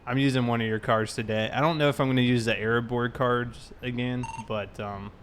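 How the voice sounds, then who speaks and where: Speaking briskly in a mid-range, fairly bright voice, a man chats casually on his livestream of a police roleplay game. His intonation stays fairly even as he greets viewers in a friendly manner. Background noise is clearly present.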